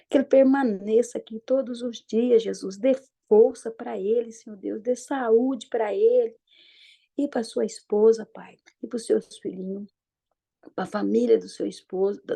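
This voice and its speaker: Older woman leading a heartfelt spoken prayer, gravelly and very mellow tone, pleads then fades to near silence. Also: fairly high pitch. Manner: fervent pleading, trailing off softly on each "Jesus". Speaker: prayer group member.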